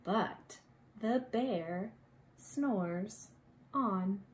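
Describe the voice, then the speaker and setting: A woman plays a preschool teacher reading a children's storybook aloud, delivering it expressively and adding playful asides for young listeners. Her voice is mid-range and she draws out her words; a slight hiss or hum is audible.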